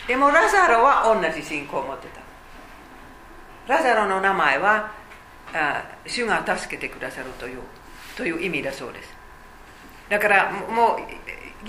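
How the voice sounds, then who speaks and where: A woman's voice: medium pitch, bright, forceful tone, echoey room, a little hiss or hum, low-quality recording. A woman teaching a Bible study, explaining chattily with fillers and asides.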